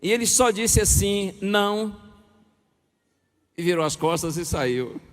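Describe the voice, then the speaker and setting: A man's voice: high-pitched, moderate pace. A middle-aged man from Bahia, Brazil, telling a personal story in a sermon as pastor and acting out the dialogue. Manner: lively anecdotal storytelling with chuckles and acted dialogue. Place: large hall or church with audience. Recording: preacher in a reverberant hall.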